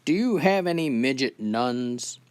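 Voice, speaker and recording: A man voicing a big drunk salesman who slurs and makes loud, pushy demands. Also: medium pitch, expressive, unhurried, clean tone, no echo, natural voice. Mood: rowdy drunk.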